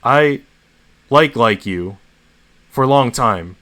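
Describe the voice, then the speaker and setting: A man voicing a shy wolf-raised boy in a story reading, with simple, halting speech. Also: medium pitch, animated, fairly bright tone. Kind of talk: acted dialogue in a story reading.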